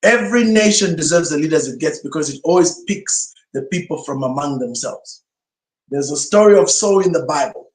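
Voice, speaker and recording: With an animated, fairly high voice at normal speed, a male pastor gives an emphatic teaching talk in sermon style, full of rhetorical questions. Swahili is his first language, and the room echoes noticeably.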